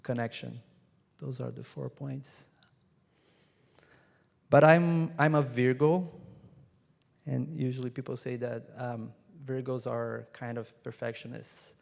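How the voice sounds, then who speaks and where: A Brazilian-born conference witness speaker closes with reflective remarks on a large hall stage, the room's reverb audible. His mid-range, gravelly voice stays flat as he works earnestly and deliberately through his points one by one.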